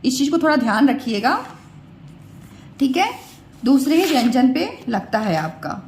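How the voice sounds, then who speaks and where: A woman's voice: high-pitched, animated, slight background noise. A woman teaching Hindi spelling, patiently explaining and repeating words as she questions her pupils. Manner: slow, repeats words and asks the class questions. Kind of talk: patient classroom explanation to children. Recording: echoey room.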